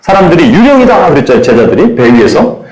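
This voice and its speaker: Male pastor, animated sermon delivery, voice sits a bit high, lots of pitch swing, roomy echo. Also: a little fast. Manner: animated, acts out voices in quotes.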